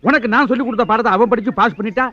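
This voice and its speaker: A man's voice: very high voice, very fast, pushed and bright. An actor playing a meddling father who scolds and gives scheming advice in a comedy film scene. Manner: bossy, scolding. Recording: dull film soundtrack with background score.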